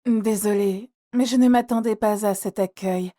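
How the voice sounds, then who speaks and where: A woman's voice: mid-range voice, steady tone, normal speed, mellow, natural voice. A woman voicing a cultured, playful young American singer in an audiobook, speaking politely. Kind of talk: audiobook character reading.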